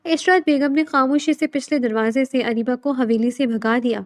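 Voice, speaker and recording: High-voiced woman narrating a story. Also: steady tone, no room sound, studio quality. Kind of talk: storybook narration of a romance novel.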